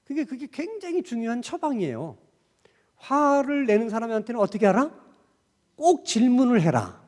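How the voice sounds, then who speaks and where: A middle-aged man preaching a sermon at a Wednesday prayer meeting, speaking in a conversational way with rhetorical questions and gentle acted-out dialogue. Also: very high-pitched, sing-song, normal speed. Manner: acts out gentle quoted dialogue. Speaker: pastor. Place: church sanctuary. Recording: long church hall reverb.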